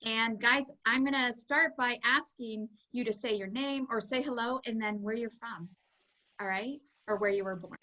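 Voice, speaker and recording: A woman from Canada, a kindergarten teacher, talks to parents over a video call in an upbeat, chatty way. Her voice is bright and ringing, a little higher than most women's. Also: normal speed, low-quality recording. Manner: enthusiastic, cheerful, chatty.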